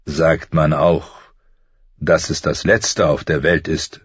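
A man voicing a stern, weary noble father in an audiobook, measured and grave. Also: very deep voice, level tone, husky, dry recording, heavily acted. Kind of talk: audiobook character voice. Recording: slightly muffled dry recording.

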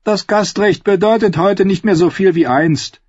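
A hard, cold young girl, as a male reader puts her on, speaking flat and matter-of-fact in a raised voice. The sound is husky, dry and a little dull. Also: high-pitched, normal speed, no echo, pitched above the performer's own voice.

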